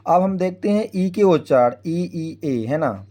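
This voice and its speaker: A man's voice: a little high, expressive, a little slow, warm tone. A man teaching English phonics in Hindi, spelling words out letter by letter and often checking in with the listener. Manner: frequent tag "है ना" checking with the viewer.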